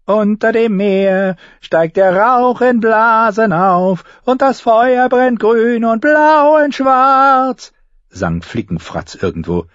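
A man's voice: low voice, level tone, normal speed, hardly any pauses, a little mellow, slightly rough, no room sound, highs cut off. A man reading an audiobook, voicing a sing-song, giggling male court fool. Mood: crazed sing-song.

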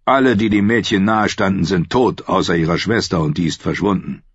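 A man's voice: low-pitched, brisk, breathy edge, dry recording. A man reading an audiobook, voicing a cynical, mocking one-handed knight in a dry, sardonic way. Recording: dry, slightly dull studio audio.

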